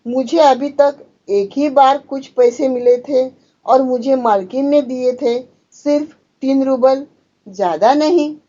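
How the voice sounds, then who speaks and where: A woman's voice: high voice, takes it slowly, mellow. A woman teacher reading a play aloud to students and explaining it, raising her voice for the dialogue. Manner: reads dialogue with raised dramatic voice, then explains plainly. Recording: dull lo-fi sound.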